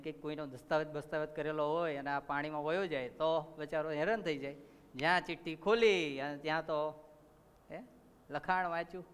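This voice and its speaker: Recorded amid the long reverb of a temple hall, a man with a Gujarati accent preaches a katha sermon as a lively storyteller, voicing each character and putting questions to his listeners. His voice is a little high and smooth.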